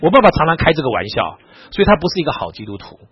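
Husky fast-talking male preacher. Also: on the high side. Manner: animated, quick, retells dialogue with lively asides. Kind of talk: storytelling sermon. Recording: dull lo-fi recording, dry.

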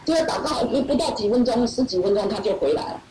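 A woman's voice: on the high side, expressive, quick pace, crowd noise. A middle-aged woman tells her faith testimony to a church gathering. She talks animatedly, laughs often and acts out the voices of other people. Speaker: church member giving testimony. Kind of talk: personal testimony storytelling. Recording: echoey hall, far from mic, loud audience.

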